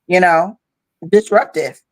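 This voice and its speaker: This podcast co-host has a fairly low, slow voice. Worn out from a long day, she yawns through a casual chat, speaking frankly and at length with frequent "you know"s.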